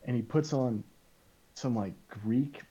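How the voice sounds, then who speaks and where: A man as a podcast guest, telling a story casually, animated and full of "like" and quoted back-and-forth. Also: medium pitch, slow pace, husky, lo-fi sound.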